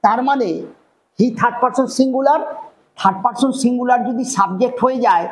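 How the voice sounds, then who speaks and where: In a fairly quick, mid-range voice, this teacher explains grammar step by step to a classroom and keeps checking that students understand. It's recorded in an echoey room with faint noise.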